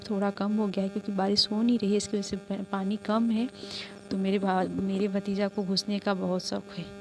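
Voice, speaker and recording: A woman's voice: medium pitch, a little mellow, slight background noise. A young woman chatting in a homely, casual way as she vlogs outdoors while crossing a river, often restarting her sentences. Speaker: vlogger. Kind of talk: casual vlog narration.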